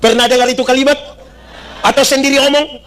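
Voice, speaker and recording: A high-voiced man preaches a sermon to his congregation. He keeps asking the listeners questions and acts out little scenes in local dialect. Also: fairly even intonation, fast talker, a bit bright, a little hiss or hum. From East Nusa Tenggara, Indonesia. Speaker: pastor. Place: church.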